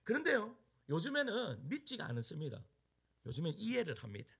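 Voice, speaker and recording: A middle-aged man preaching as a pastor, telling a personal story with sudden loud peaks and hushed asides. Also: high voice, wildly swooping pitch, brisk, vocal fry, breathy edge.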